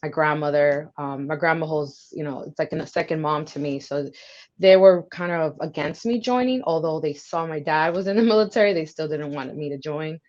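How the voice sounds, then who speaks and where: A woman's voice: low voice, normal speed, a little mellow, muffled recording. A young woman from New York, a military recruiter, answering interview questions in a friendly, chatty way with many fillers.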